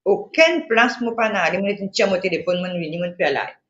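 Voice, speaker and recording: A woman from Mauritius with a Mauritian Creole accent, chatting on the radio in an animated, repetitive, emphatic way. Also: medium pitch, fairly quick. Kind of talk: casual radio chat. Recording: roomy lo-fi radio recording.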